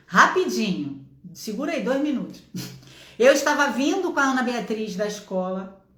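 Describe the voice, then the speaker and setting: A middle-aged woman with a Brazilian accent preaches with fervor and exhortation. Her voice sits a little high. Her home office gives it a noticeable echo. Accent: Brazilian Portuguese. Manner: passionate, exhorting, acts out shouts and dialogue. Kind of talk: sermon with personal testimony.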